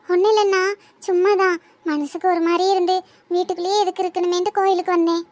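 A woman's voice: extremely high pitch, fairly even intonation, fast, dry recording. A woman voicing a shy young village bride-to-be who gives hesitant, short replies in a Tirunelveli accent, for a comedy cartoon. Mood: quiet. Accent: Tirunelveli Tamil. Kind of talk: cartoon voice acting.

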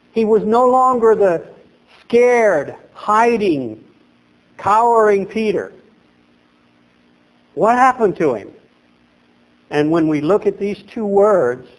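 A pastor in his thirties preaches a sermon from a lectern in a small chapel, animated and emphatic, his voice sitting high. A camera records him from a distance.

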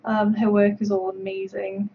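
Here a sculptor streams herself painting, her mid-range voice monotone and her pace moderate. She rambles in a relaxed, chatty way, filling gaps with fillers. The recording is dull and lo-fi, with faint background noise.

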